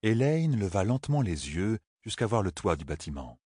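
A man narrating a fantasy novel as a steady audiobook reader. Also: fairly low pitch, normal speed, slightly rough, dry recording, clean studio sound. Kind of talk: scripted narration.

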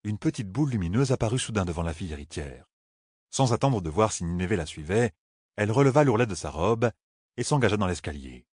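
Male audiobook narrator, deep and husky, steady delivery. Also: quick pace, dry recording, clean studio sound. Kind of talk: scripted narration.

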